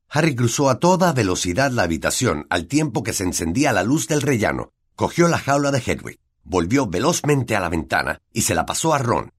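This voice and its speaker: A man with a Latin American Spanish accent narrating a fantasy audiobook in an expressive storytelling manner. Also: on the low side, slightly rough. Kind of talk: scripted narration.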